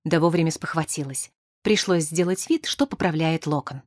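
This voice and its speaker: A woman narrating a literary audiobook in a measured, expressive way. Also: sits low, dry recording, studio quality.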